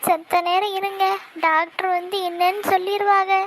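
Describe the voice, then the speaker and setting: A woman voicing a quick-tempered cartoon mother who scolds and frets. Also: extremely high pitch, little pitch movement, fairly bright tone, slight background noise. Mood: scolding. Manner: scolding, fast and fretful.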